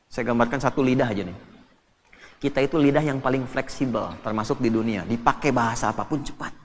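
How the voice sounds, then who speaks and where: A male preacher giving a lively, joking sermon with quick swings in pitch and loudness, speaking into a microphone in a large hall. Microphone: handheld or stand microphone. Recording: long hall reverb, faint background hum.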